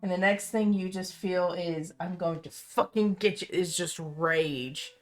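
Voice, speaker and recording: A woman narrates a tabletop roleplaying game as its game master, speaking at a measured pace in a fairly low voice. Instrumental music plays beneath her voice.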